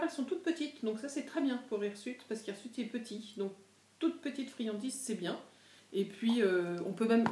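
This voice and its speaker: A woman's voice: mid-range voice, a little mellow, slight background noise. A woman chatting casually through an unboxing, hesitant and full of fillers and self-corrections. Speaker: pet product reviewer. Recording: echoey room, voice from a distance.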